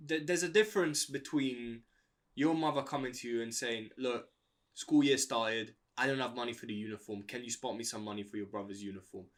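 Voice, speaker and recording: A man's voice: medium pitch, steady tone, fairly quick. A man co-hosting an advice podcast, giving blunt, opinionated takes in casual chat. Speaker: podcast co-host.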